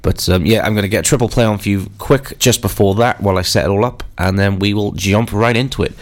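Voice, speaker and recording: A man's voice: fairly low pitch, fast. A man with a bunged-up, stuffy nose from a cold, casually presenting a rock radio show in a chatty, informal way. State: congested with a cold.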